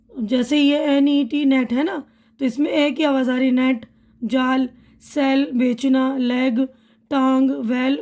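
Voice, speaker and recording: A woman's voice: high voice, warm tone. A woman teaching English pronunciation, patiently saying each word and then its meaning. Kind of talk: slow spoken-language lesson.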